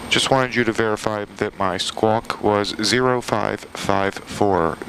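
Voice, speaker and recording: A man with a creaky, low voice works through pilot procedures in a flight simulator. He is matter-of-fact and orderly, talking over a clear drone of aircraft noise. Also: slow pace. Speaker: flight sim streamer, pilot. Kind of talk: checklist read-out, pilot radio calls and commentary. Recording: steady aircraft engine noise. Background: simulated turboprop cockpit noise.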